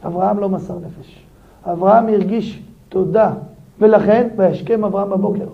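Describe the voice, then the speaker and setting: A rabbi teaching a daily Torah lesson, his voice high-pitched and full of gravelly fry. He talks in a lively way and keeps throwing pointed rhetorical questions at his listeners. The recording sounds dull and lo-fi.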